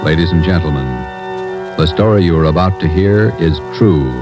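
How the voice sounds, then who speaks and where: A male announcer delivering a grave, deliberate dramatic introduction for an old radio show. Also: deep voice. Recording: old radio broadcast with loud music behind.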